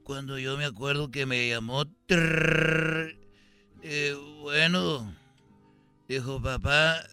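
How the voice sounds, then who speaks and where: A man telling a comic story about his family in a slow, deadpan way. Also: mid-range voice, over music. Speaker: comedian telling an anecdote. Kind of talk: comedy sketch storytelling.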